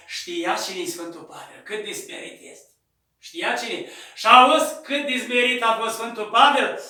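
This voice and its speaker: Male priest, high bright voice, storytelling sermon, roomy echo, mic off at a distance. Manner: acts out voices in the story, shouting at peaks. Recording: echoey room, distant mic.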